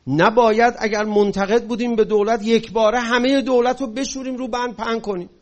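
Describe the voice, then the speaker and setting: A man with a notably high voice delivers an impassioned religious and political lecture. His steady explanations keep building into forceful, raised passages to hammer his points home. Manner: rises to forceful shouting on key points. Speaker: speaker.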